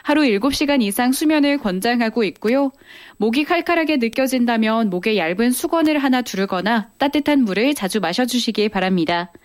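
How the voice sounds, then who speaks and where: A woman's voice: a little high, lively intonation, a little fast. A woman reading a scripted weather and safety bulletin on the radio.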